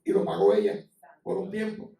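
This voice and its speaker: Puerto rican pastor man preaching, real high voice w gravel, echoey church mic far off. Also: wildly swooping pitch, normal speed, warm tone. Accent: Puerto Rican Spanish. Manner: impassioned, conversational preaching with testimony. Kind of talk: sermon. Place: church sanctuary.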